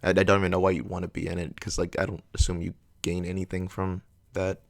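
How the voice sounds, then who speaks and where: A man's voice: low voice, monotone, fast, vocal fry, no room sound, clean studio sound. A man hosting a reaction video, thinking aloud in a casual, unsure, hedging way.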